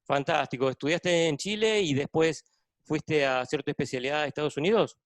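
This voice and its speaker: A man with a Buenos Aires Argentine accent, a cardiologist, introduces guests on a video call while hosting a medical webinar from a hospital ICU. His voice is a little high and fairly quick, with no echo.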